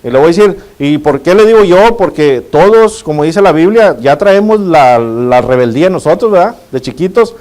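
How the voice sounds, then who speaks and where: Middle-aged male pastor, high voice, preaching with rhetorical questions to the congregation. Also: lively intonation, moderate pace, hardly any pauses, darkish tone. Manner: addresses the congregation as brothers and asks rhetorical questions. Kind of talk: sermon.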